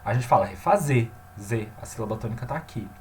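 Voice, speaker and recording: A man teaching a grammar lesson, often checking in with his listeners and slowing down to stress key terms. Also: fairly low pitch, darkish tone, slight background noise.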